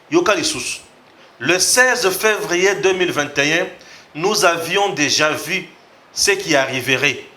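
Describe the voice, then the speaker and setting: This bright-voiced male host, pitched a little high, runs a political commentary show where he reads out tweets and weighs in, code-switching between French and Lingala.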